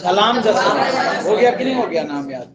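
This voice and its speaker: A man's voice: on the high side, very animated, quick pace, a loud crowd. A male grammar teacher, teaching a class and drilling rules by asking his students to repeat. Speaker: Hindi and Sanskrit grammar teacher. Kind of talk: classroom lesson. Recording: echoey classroom from far off.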